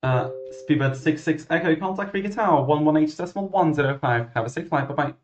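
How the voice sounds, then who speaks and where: Halting man controller, muffled roomy sound. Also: a little high, slight background noise. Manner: halting, self-correcting. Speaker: virtual air traffic ground controller. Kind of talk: radio clearances and explanatory commentary.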